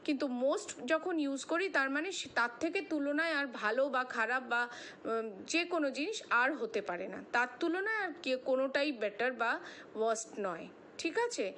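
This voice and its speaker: A woman teaching an online grammar lesson, explaining slowly and reading English lines aloud word by word. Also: high-pitched, lively intonation, fairly bright tone, slight background noise.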